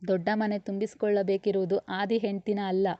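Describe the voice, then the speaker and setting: A woman's voice: medium pitch, little pitch movement, a little fast, no room sound, lo-fi sound, lightly acted. A woman voicing a caring middle-aged aunt who questions the family in a coaxing, puzzled way.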